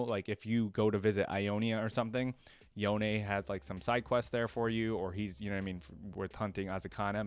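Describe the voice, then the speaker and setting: A reaction channel host with a lowish voice and no echo talks casually to camera. His commentary rambles along, informal and enthusiastic, as he thinks out loud.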